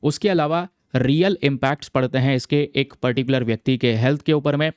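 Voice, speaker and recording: A man's voice: mid-range voice, fairly quick, a little mellow, clear, resonant tone, dry recording, clean studio sound. Chatty Hindi-speaking exam tutor man. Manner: chatty, addresses viewers as friends, repeats "theek hai"; mixes English terms into Hindi. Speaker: exam prep teacher. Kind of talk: explaining newspaper articles for exam students.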